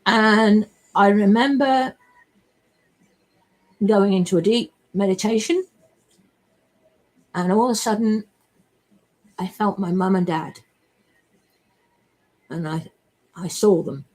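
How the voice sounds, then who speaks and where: Slow, husky woman rambling. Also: mid-range voice, a little mellow. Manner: emotional, rambling, swears freely. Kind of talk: rambling personal monologue.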